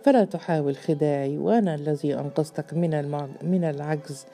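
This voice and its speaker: A woman's voice: low voice, brisk, dark tone, faint music behind. A woman reading a scornful domineering stranger. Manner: curt, mocking, commanding. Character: cold domineering man claiming the palace.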